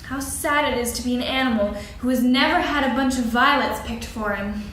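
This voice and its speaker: A woman playing a small, timid, sweet piglet in a staged reading, gentle and anxious. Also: a little high, a little fast, lightly acted. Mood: wistful, cheerful. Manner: timid, gentle, exclaiming softly. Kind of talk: staged dramatic reading for children's story. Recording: echoey stage, distant mic, faint noise.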